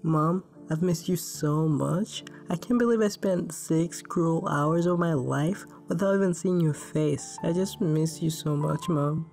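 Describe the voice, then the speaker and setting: A man's voice: on the high side, unhurried, creaky, few pauses, darkish tone, soft background music, pitched above the performer's own voice. A man putting on a whiny, clingy kid. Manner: whiny, overly dramatic. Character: clingy young kid missing his mom.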